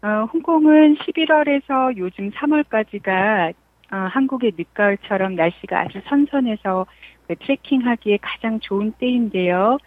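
A woman's voice: a little high, animated, moderate pace, no echo. A woman phones in to a radio program as its correspondent abroad. She sounds friendly and informative. The line is thin and phone-like, with no room sound around her voice. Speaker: Hong Kong correspondent. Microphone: telephone. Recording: tinny, dry phone line.

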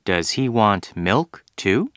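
A man's voice: on the low side, very animated, drawn-out words, a bit bright, smooth, no echo, clean studio sound, heavily acted. A man reading the part of a student in a textbook listening dialogue, over-enunciating each word. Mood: plain. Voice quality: careful over-enunciated delivery. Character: plain male student in an English dialogue. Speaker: dialogue speaker in a listening exercise.

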